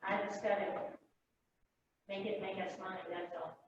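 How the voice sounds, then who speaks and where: A woman business owner talks frankly in a casual chat. She sits far from the microphone in a very echoey room. The call audio is dull and has a clear noise bed behind her. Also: mid-range voice, little pitch movement, normal speed. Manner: frank and candid, talks to herself. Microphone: video call, far from the mic.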